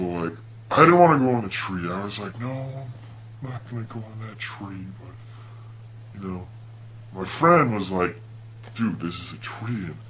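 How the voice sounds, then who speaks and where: A young man from Hawaii telling a personal story in a laid-back, slangy, animated way. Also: deep voice, rough recording. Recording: noticeable hum and background noise.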